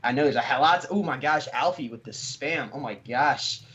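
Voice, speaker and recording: A man's voice: medium pitch, moderate pace, a bit bright, slightly rough. An American man moderating an esports livestream, announcing giveaway winners in an upbeat, casual way. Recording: slightly dull lo-fi stream audio.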